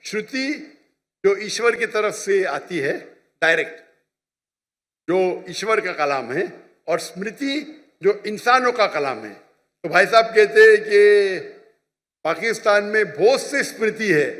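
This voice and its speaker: A man's voice: high voice, a bit bright, big-room sound. A man answering an audience question at a public religious talk, lecturing emphatically and often checking that he is understood. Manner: lecturing, emphatic, repeats points with "you understand?". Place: large hall with an audience.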